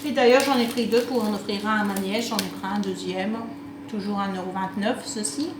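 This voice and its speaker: A woman with a mid-range voice talks at a moderate pace and in a steady tone, showing off a craft shopping haul to a phone set on a table. She is from France and half Italian, and her unscripted chat is hesitant and rambling. The home recording is clearly noisy, with a roomy echo.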